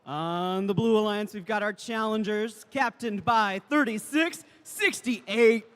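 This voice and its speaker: A man's voice: high-pitched, unhurried, a bit bright, slight background noise. A man announcing a live competition as the event's MC, introducing the sides and explaining the stakes. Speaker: robotics event MC. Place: large competition venue.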